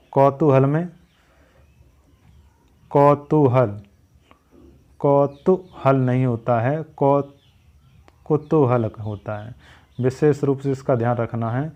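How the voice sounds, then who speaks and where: Slow, repetitive male language teacher. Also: medium pitch, steady tone, highs cut off. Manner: drills each word slowly, repeating correct and wrong forms. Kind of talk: Hindi spelling lesson.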